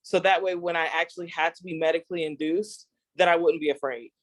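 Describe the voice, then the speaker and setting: Young woman, animated storyteller, casual group talk, dry close sound. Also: lowish voice, a little fast, no room sound. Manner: animated storyteller, acts out quoted voices. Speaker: group member sharing a testimony.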